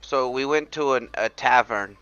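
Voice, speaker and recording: A man playing a character in a tabletop game, rambling and halting with repeated words. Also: medium pitch, a bit bright, clear, resonant tone, dry recording. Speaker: player. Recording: dull lo-fi audio.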